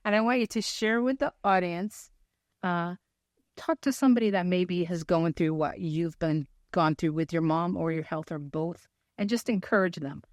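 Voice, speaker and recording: A woman's voice: fairly low pitch, moderate pace, dry recording, clean studio sound. A woman hosting an interview show, affirming and encouraging her guest. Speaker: podcast host. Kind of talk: interview chat.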